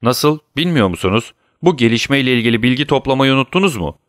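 A man's voice: mid-range voice, animated, fast talker, fairly bright tone, dry recording, clean studio sound, voice pushed up, natural voice. A man voicing an aging French king who is imperious and alarmed, questioning his ministers sharply.

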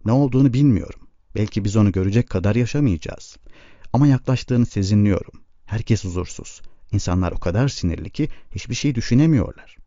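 A weary older father, thoughtful and uneasy, read by a man. His tone is low and mellow. The recording is dull and lo-fi. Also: animated, a little fast, dry recording, close to an everyday voice.

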